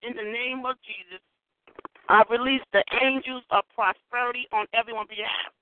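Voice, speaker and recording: High-voiced man on a crackly phone line. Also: fairly even intonation, normal speed, clean tone, dry recording. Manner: emphatic, repeats declare and decree. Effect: crackly phone line that fades in and out. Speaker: apostle leading a prayer on a conference call. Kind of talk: fervent decreeing prayer. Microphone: phone held away from the mouth. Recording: tinny dry phone line.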